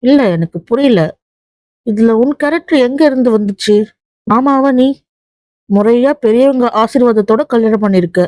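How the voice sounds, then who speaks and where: A frank younger sister, read by a woman narrator scolds her older sister with blunt jokes. Her voice is fairly high. The recording is dry and close. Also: moderate pace, pauses often, darkish tone, no echo, close to an everyday voice. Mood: teasing scolding.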